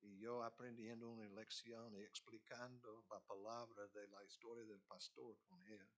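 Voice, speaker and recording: A man preaching a sermon as pastor, in an expressive, conversational way. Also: fairly low pitch, moderate pace. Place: church sanctuary.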